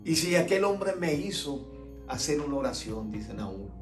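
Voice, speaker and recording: A man with a high voice tells a testimony as a dramatic story, leaning on repeated words for emphasis. His voice rings in an echoey room. Soft music plays underneath. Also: big pitch swings, unhurried.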